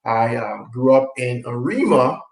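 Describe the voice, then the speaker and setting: A man's voice: medium pitch, animated, unhurried, creaky, echoey room, rough recording. A man from Trinidad and Tobago, co-hosting a live stream, introduces himself in a friendly, casual way with many fillers over a video call. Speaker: co-host.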